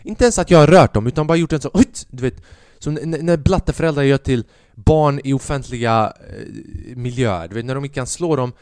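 A man's voice: medium pitch, hardly any pauses, a little mellow, clear, resonant tone, no echo, studio quality. A young man, a podcast host and stand-up comedian, telling a rambling, profane story in a casual monologue.

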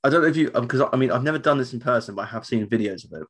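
A man's voice: mid-range voice, very fast. A British man with a ropey, tonsillitis-affected voice, chatting casually as a podcast co-host. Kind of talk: casual chat.

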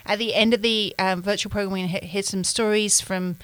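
A woman's voice: medium pitch, steady tone, fast, poor audio. A woman guest from a nonprofit, bubbly and joking as she chats about the event. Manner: bubbly, joking, laughs often. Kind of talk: casual chat.

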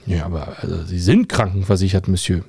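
A man's voice: low voice, fairly quick, warm tone, breathy edge, dry recording, clean studio sound. A man voicing an unflappable female Belgian counter clerk, polite and bureaucratic. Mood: insistent.

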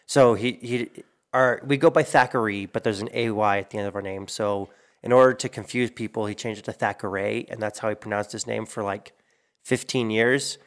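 A man's voice: fairly low pitch, steady tone, brisk. Easygoing, joking podcast host man. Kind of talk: casual podcast chat.

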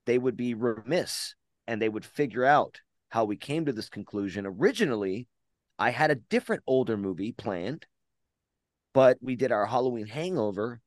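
A man's voice: mid-range voice, no room sound, clean studio sound. A man hosting a podcast over a video call, talking in a profane, boisterous, bragging way. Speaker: podcast host. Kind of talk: casual chat.

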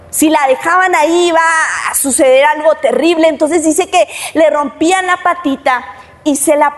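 A woman preaching a sermon online, earnest and talking straight to the listener with repeated questions. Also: high-pitched. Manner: earnest, keeps asking the listener directly. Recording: long reverb with soft music.

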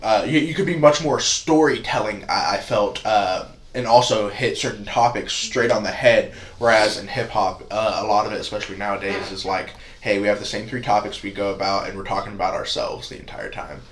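A man's voice: fairly low pitch, steady tone, brisk, few pauses. A nineteen-year-old man talking as a podcast guest, rambling casually with lots of "uh" and "like" fillers. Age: teens. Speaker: podcast guest, spoken word poet. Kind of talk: casual interview chat. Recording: echoey room with faint noise.

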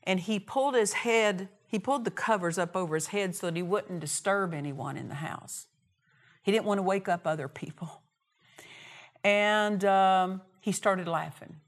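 Speaking at a normal pace in a mid-range voice, a woman delivers a church sermon built on emphatic repetition and punchy lines. She returns to key phrases and performs the dialogue she quotes.

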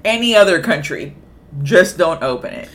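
A woman's voice: fairly low pitch, animated, moderate pace. Blunt, profane woman co-host. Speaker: podcast co-host. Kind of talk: casual movie chat.

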